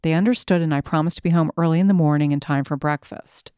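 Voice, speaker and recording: A woman reading a first-person memoir aloud in a measured, reflective storytelling manner. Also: low voice, warm tone, clean tone, no room sound, studio quality. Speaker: narrator.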